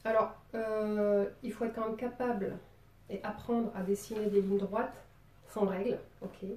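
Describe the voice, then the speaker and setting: A playful woman with a southern French, Marseille accent talks through a drawing tutorial in a loose, chatty way, with plenty of little fillers. Her voice is dark and mellow, and it sits a bit away from the mic in a roomy, echoey space. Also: mid-range voice, steady tone, unhurried, far from the mic. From Marseille, southern France. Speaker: drawing teacher.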